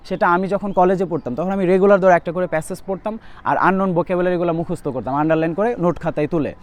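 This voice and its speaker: A young man teaching vocabulary for admission tests, repeating word lists quickly as a tutor. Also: high-pitched, a little mellow. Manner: rapid, repetitive drilling of word lists. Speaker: English tutor. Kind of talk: admission test vocabulary lesson.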